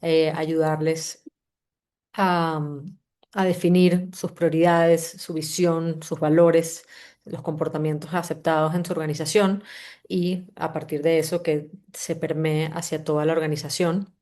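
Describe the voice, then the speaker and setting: A woman's voice: deep voice, flat delivery, a little slow, a little mellow. A woman from Venezuela with a Venezuelan accent hosts a live online book-summary session, talking in a welcoming, conversational way and often restarting her phrases. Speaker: host and company CEO.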